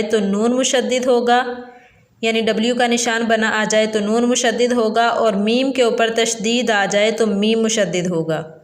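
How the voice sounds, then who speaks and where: Female recitation teacher, Pakistani Urdu accent, slow deliberate explanations, reverberant room. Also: fairly high pitch. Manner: repeats each rule twice, slow and deliberate. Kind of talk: patient step-by-step lesson.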